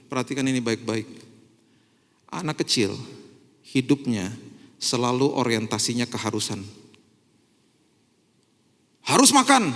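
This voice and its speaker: A man preaching a sermon in a church, animated and swinging between loud exclamations and quiet musing, with English words mixed in. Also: medium pitch. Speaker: pastor. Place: church hall. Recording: long church hall reverb.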